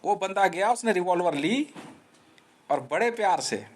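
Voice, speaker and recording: Man, high-pitched voice, live stream rant, confrontational, taunting, repetitive. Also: lively intonation, measured pace, a little hiss or hum. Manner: confrontational, taunting, addresses listeners with slang; restless, repeats himself and restarts. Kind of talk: rambling live monologue.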